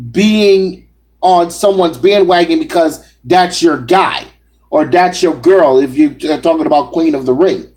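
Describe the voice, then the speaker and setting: His voice sits high and the audio is poor. The man offers opinionated solo commentary on battle rap, arguing his points assertively and speaking directly to viewers.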